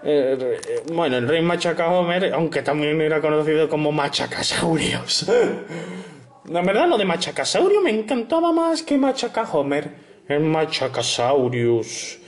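A man's voice: a little high, animated, normal speed. A young man narrating a puzzle video game, playful and jokey, humming nonsense syllables between remarks. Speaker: gameplay narrator. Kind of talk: narrated let's play commentary.

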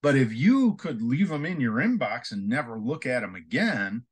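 Lively chatty man telling a story. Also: medium pitch, moderate pace, slightly rough. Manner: chatty storyteller, acts out both sides of a conversation. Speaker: email management trainer. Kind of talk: casual talking-head video.

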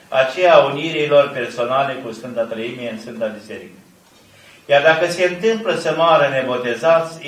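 An older priest reading a sermon from a lectern in measured, solemn phrases, with pauses between them. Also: male voice, medium pitch, fairly bright tone. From Romania. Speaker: archimandrite preaching. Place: large ornate church, indoors. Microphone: camera at a distance. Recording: echoey church heard from a distance.

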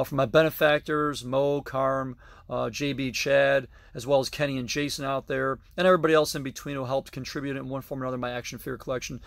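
A man's voice: mid-range voice, vocal fry, no room sound. Man, thirties, chatty collector tour, detailed, handheld phone, basement. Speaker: collector showing his toy collection. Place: basement full of toys, indoors. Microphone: phone camera held at arm's length.

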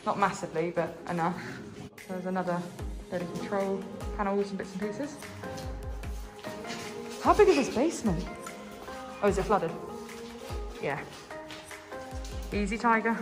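A woman vlogging as she explores, chatty and easily excited, out of breath from climbing and laughing often. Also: mid-range voice, moderate pace, pauses often, over music. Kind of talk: casual vlog narration while exploring.

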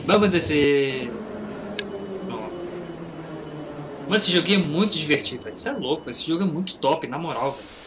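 A young Brazilian man commenting casually on a game he plays, reading its lines aloud and shouting in fights. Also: fairly high pitch, fast talker, pauses often. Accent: Brazilian Portuguese. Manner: casual slangy, reads game dialogue aloud, excitable during fights. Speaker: gameplay youtuber. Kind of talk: let's play commentary. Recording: game noise behind voice. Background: train and game sounds.

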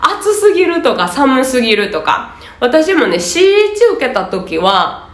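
A Spanish teacher with a Kansai Japanese accent gives a chatty, emphatic lesson and laughs often, in casual teaching talk. Her voice is high and sing-song at a measured pace, recorded in an echoey room.

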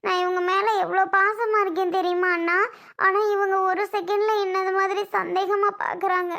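Woman doing a young wife who's hurt and pleading, super high thin voice, home-made audio drama. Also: flat delivery, moderate pace, creaky, pushed and bright, full character voice. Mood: upset. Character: tearful young wife and new mother, hurt.

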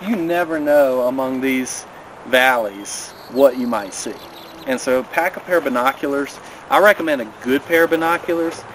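A man's voice: medium pitch, normal speed, a bit bright, low-quality recording. A man in his thirties giving a casual, practical rundown of hiking gear outdoors by a river, filmed on a camera a few steps away. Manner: friendly, practical, recommending. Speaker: vlogger. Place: outdoors by a river in a mountain valley. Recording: outdoor camera audio with clear background noise.

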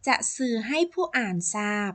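A woman's voice: a little high, expressive, fairly bright tone. Woman teacher reading out a lesson. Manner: slow, careful, deliberate. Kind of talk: reading out a Thai lesson to children.

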